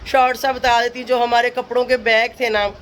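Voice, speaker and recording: A woman's voice: fairly high pitch, flat delivery, brisk, a little hiss or hum. A woman from Pakistan, chatting to camera in a casual family vlog, tired, laughing often and calling out to relatives. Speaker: family vlogger.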